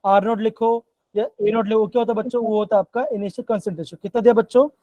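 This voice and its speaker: A man's voice: high-pitched, fairly even intonation, fast talker, no echo, dull audio. Male online chemistry teacher, coaxing tone. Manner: coaxing, repeats "bachchon" and "theek hai". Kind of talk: live online class in Hindi-English mix.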